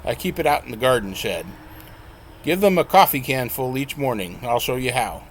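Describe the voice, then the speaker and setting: A man's voice: medium pitch, expressive, moderate pace, slight background noise, lightly acted. A man voicing a jovial, folksy older grandmother on a farm, who talks in a teasing, matter-of-fact country way.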